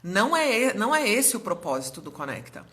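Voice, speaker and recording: With a mid-range, somewhat bright voice that is slightly hoarse, very animated, and fairly quick, a young woman mentors on business in a casual live stream. She talks her explanations through chattily and keeps checking in with viewers.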